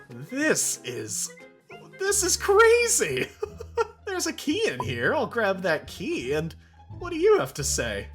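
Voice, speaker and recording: A woman giving casual, playful commentary on her gameplay, giggling often as she chats. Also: high voice. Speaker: gaming YouTuber.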